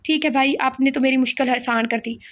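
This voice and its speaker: A woman's voice: high-pitched, fairly even intonation, brisk, lightly acted. A woman reading the part of a cheerful young female friend who talks in a playful, chatty way.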